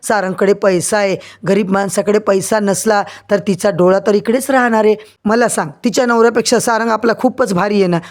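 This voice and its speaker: A woman's voice: medium pitch, a little mellow, natural voice. A woman reading a scheming spiteful friend.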